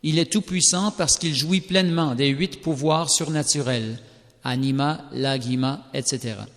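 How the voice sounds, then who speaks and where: A man reads a sacred text aloud in a slow, solemn, carefully measured recitation. His voice sits a little higher than most men's, and a long reverb hangs after each phrase. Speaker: scripture reader. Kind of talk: scripted scripture reading. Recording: long reverberant hall sound.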